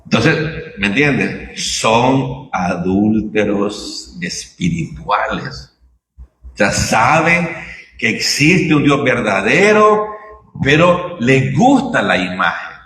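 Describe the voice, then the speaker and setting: A man's voice: medium pitch, lively intonation, slow, a bit bright, roomy sound, distant mic, slight background noise. A man preaching a sermon in a conversational way, often asking his listeners "right?" and "you understand?". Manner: conversational preaching, many rhetorical tag questions. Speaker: pastor.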